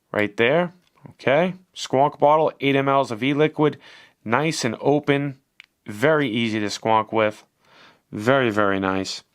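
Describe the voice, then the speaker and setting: A man's voice: medium pitch, a bit bright. A man giving a casual, chatty product review as he unboxes and shows a device, swearing now and then.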